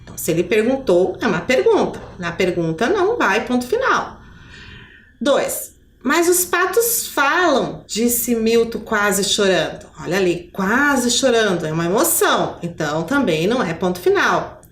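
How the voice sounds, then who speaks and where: A woman's voice: mid-range voice, very animated, normal speed. A woman with a Brazilian accent from Curitiba, a primary school teacher giving a video lesson for children, patient and didactic, speaking straight to the pupil with fond diminutives. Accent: Brazilian Portuguese, Curitiba. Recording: echoey room with faint background noise.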